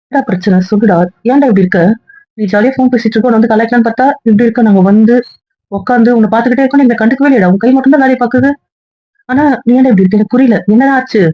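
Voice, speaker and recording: A man's voice: very high voice, very fast, no echo, voice pushed up. A man voicing a teasing male friend who keeps pressing him with questions, on a dull lo-fi recording. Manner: insistent, nagging questions.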